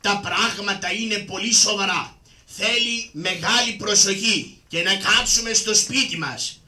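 A fussy, obliging town crier of the shadow-puppet stage, voiced by a man proclaims in a slow, drawn-out, earnest way. His voice is bright and high. It echoes, heard from afar. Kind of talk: traditional shadow puppet theatre. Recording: roomy sound from far off.

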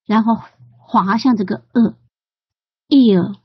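A woman explaining English vowel sounds in recorded study notes, hesitant, with many fillers, repeating drill words slowly. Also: mid-range voice, creaky, breathy edge, no room sound, muffled recording. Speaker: English pronunciation learner.

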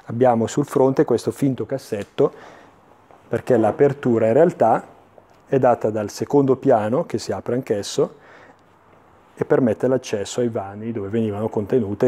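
A man presenting items in an unscripted infomercial style, explaining in a measured way with searching pauses and repetitions. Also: mid-range voice, steady tone, warm tone, husky. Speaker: antiques dealer presenting items on a TV sales show. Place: indoor furniture showroom.

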